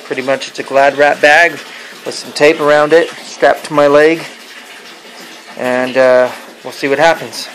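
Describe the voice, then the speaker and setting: Halting man in a casual vlog. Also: fairly high pitch, fairly even intonation, fairly bright tone, a little hiss or hum, low-quality recording. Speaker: vlogger.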